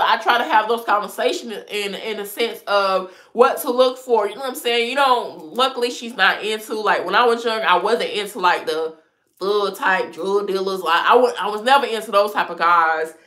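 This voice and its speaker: A lifestyle vlogger in her thirties speaks in a mid-range voice that's bright and forceful, at a moderate pace. Stuffy from a cold, she laughs often while casually and frankly discussing dating in response to viewer comments.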